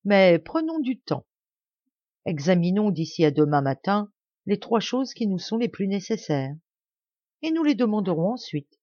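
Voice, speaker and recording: A woman's voice: mid-range voice, big pitch swings, moderate pace, a little mellow, no echo, lightly acted. Storybook peasant husband, hasty and exasperated, read by a woman; dry, muffled home recording. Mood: reasoning.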